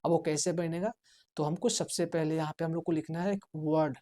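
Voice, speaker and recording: A man's voice: a little high, steady tone, fairly quick, mellow. Man teaching, quizzing and repeating. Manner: asks the class questions and answers them himself, repeating key words; urges students to write things down. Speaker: spoken English teacher. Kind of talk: classroom lesson in Hindi.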